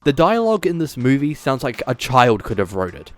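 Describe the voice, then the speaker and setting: A man hosts a YouTube video essay, delivering scripted, opinionated commentary on video game movies in a conversational but emphatic way. His mid-range voice swings widely in pitch and moves a little fast.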